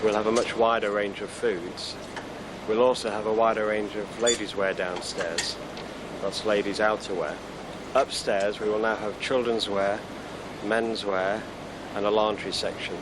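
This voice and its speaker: A man in a store manager's role, giving measured, businesslike answers in an interview. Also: lowish voice, level tone, noisy background.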